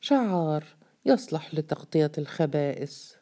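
A woman's voice: low voice, lively intonation, moderate pace, warm tone. A woman voicing a stern, mocking male jinn freed from a bottle, speaking with severe, scornful preaching. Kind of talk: storybook reading.

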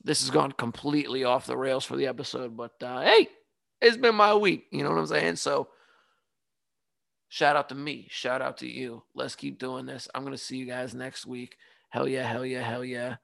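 A man hosting his own podcast, talking casually in an animated, ranting, self-mocking way. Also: medium pitch, moderate pace, creaky, no echo. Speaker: podcast host. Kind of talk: casual solo monologue. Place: home studio.

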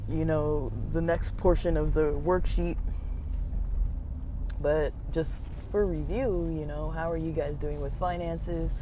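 Podcast host, mid-pitched and relaxed, casual meandering talk from the driver's seat, light vehicle noise behind. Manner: informal, hesitant, meandering. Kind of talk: casual rambling monologue. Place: inside a car while driving. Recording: muffled road noise inside moving car.

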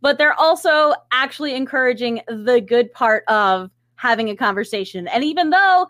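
Woman podcast co-host, high-pitched, giggly and eager, dry close recording. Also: lively intonation, normal speed, fairly bright tone, no echo. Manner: enthusiastic, giggly. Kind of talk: casual chat.

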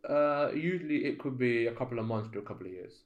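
A man's voice: medium pitch, animated, fast talker, muffled recording. A man co-hosting a casual spiritual podcast, laid-back with dry, understated replies. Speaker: podcast co-host.

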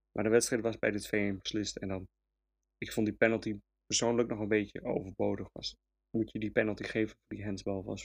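This man from the Netherlands speaks low, with a creaky, slightly rough quality. As a fan podcast host, he offers an emphatic, opinionated match review in a casual monologue, hesitating often.

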